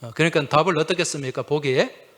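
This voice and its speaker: A man's voice: on the high side, quick pace, fairly bright tone. A male pastor delivering a Sunday sermon in a slightly raised voice. He keeps it conversational, putting questions to the congregation and answering himself with a short "yes". Humorous anecdotes come easily to him.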